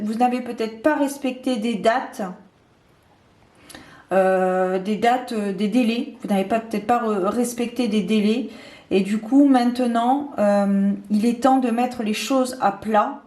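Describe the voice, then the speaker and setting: Woman tarot reader, slightly high voice, hesitant and full of fillers, roomy echo. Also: darkish tone. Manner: hesitant, many fillers and restarts. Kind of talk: casual tarot reading to camera. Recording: echoey room.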